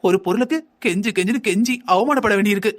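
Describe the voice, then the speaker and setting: A man voicing a young wife in a cartoon family drama, envious and complaining, who nags her husband in a whining, insistent way. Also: high voice. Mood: reproachful. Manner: nagging, whining, quick and insistent. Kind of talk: Tamil cartoon voice acting.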